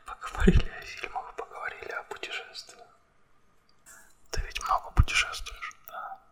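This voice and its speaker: A man speaking an ASMR monologue straight to the listener in a breathy, unvoiced whisper, right in the ear and close to the mic, with blunt wording. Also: normal speed. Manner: blunt, coarse language.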